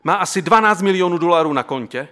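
An eager young best friend rushes in breathless and pleading, as a man acts him out in a sermon. The voice is bright and forceful. It sits a little high for a man. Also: expressive.

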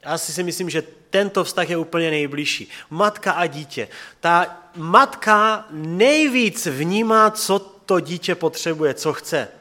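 A man in his thirties giving a sermon, earnest and conversational, often dropping to a soft, quiet voice. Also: on the high side, animated. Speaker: preacher.

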